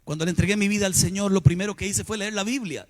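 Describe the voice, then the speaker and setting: A middle-aged man preaches from the pulpit, his voice sitting high for a man. He tells his stories with sudden swings, calling out loudly one moment and dropping to a hush the next. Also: fast. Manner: storytelling preacher, sudden shifts from loud exclamations to hushed asides. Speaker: pastor. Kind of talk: sermon.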